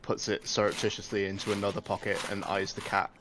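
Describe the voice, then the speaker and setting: A man playing a tabletop game, describing actions in a dry, deadpan way. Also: fairly low pitch, fast talker, noisy background. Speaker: player. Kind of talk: tabletop role-play.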